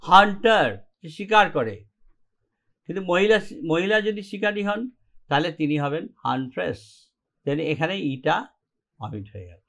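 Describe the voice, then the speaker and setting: A man's voice: high-pitched, expressive, normal speed, vocal fry, long pauses, a bit bright. A man teaching an English grammar lesson in Bengali, explaining step by step and often checking whether the students follow. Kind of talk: online classroom lesson.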